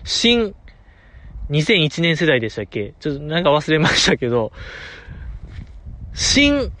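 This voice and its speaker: A man with a Kansai Japanese accent hosts a solo podcast talk show, bantering enthusiastically with fans and chuckling. His voice is on the high side, a bit bright, and quick-paced.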